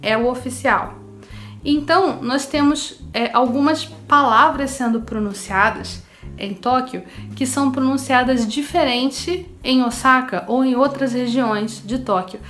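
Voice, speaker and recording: A woman's voice: high voice, measured pace, a bit bright, faint music behind. A woman from Rio de Janeiro with a Carioca accent, a language teacher giving a chatty online lesson straight to her viewers. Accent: Carioca Brazilian Portuguese. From Rio de Janeiro, Brazil. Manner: chatty, addresses viewers directly.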